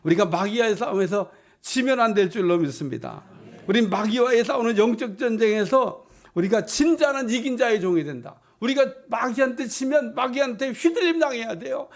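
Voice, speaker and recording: Pastor guy preaching in church, high voice with a gravelly edge, keeps building to big emphatic lines. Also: animated, fairly quick. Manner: emphatic preaching with rising declarations and repeated blessings. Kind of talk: sermon. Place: church sanctuary.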